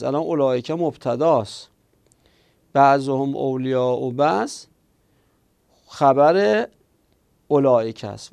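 A male teacher lectures on grammar in a rough, gravelly voice at a middling pitch. He lays out each rule step by step, poses questions to the class and answers them himself, and drags out the example phrases word by word. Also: darkish tone, no room sound. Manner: explains step by step, slows on the quoted examples; asks and answers his own questions.

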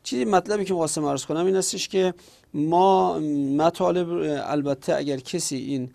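Gravelly man giving a slow lecture. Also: a little high, a little mellow. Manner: slow, deliberate explanation with frequent hesitations. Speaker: teacher. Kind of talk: recorded classroom lecture. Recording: audio from a lecture recording.

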